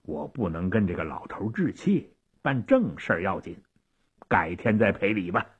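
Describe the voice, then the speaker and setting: A man's voice: deep voice, sing-song, moderate pace, slightly rough, voice pushed down, exaggerated voice. A male storyteller voicing a brash young warrior who speaks bluntly and earnestly. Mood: muttering. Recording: dull lo-fi radio recording.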